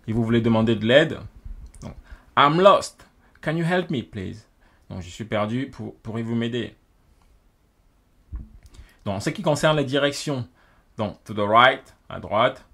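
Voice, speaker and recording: Guy going through english phrases slowly, says each one twice, normal pitch. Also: fairly bright tone. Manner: repeats each phrase in both languages, slows down for the English. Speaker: English teacher. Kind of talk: French-language English lesson, phrase by phrase.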